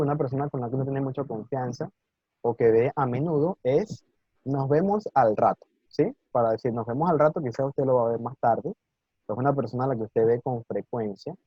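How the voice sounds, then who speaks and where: A man teaching a live online Mandarin class, patient and encouraging, often checking in with his students and sounding out words slowly and clearly. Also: medium pitch, no room sound, lo-fi sound.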